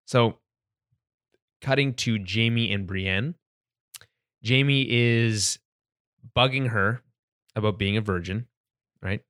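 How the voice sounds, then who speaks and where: A man's voice: on the low side, takes it slowly, pauses often, fairly bright tone, no echo, clean studio sound. A man co-hosting a podcast, recapping a TV episode in casual chat and acting out the characters' lines. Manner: chatty, laughs often, acts out quotes. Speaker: podcast co-host.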